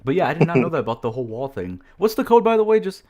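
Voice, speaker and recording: A man's voice: fairly high pitch, very animated, rapid-fire, darkish tone. A man hosting a casual livestream, chatty and apologetic, laughing often as he talks with guests. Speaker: livestream host. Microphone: desk mic.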